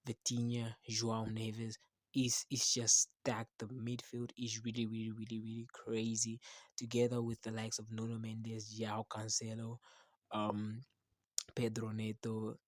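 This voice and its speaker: Guy chatting football casually, pretty even tone, repeats stuff to make his point, dry sound. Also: lowish voice, unhurried, no room sound. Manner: emphatic, repeats words and phrases. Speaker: football commentator. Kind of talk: casual match commentary to camera.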